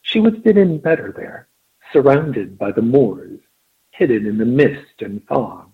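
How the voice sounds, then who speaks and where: A man's voice: mid-range voice, very animated, unhurried. A man voicing a jealous, haughty duchess with affected upper-class diction, heard over a tinny phone line. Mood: scornful.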